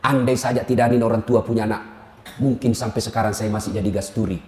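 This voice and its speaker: Quiet grateful wife praying low man doing it, echoey room. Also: steady tone, fast, lightly acted. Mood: thankful. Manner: low, hushed prayer. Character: humble thankful wife praying softly. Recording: roomy hall.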